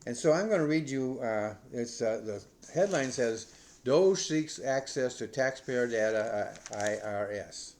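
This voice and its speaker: A man's voice: medium pitch, animated, a little slow, darkish tone. A middle-aged man from the United States hosting a news commentary podcast, rambling with many fillers and restarts. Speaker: podcast host.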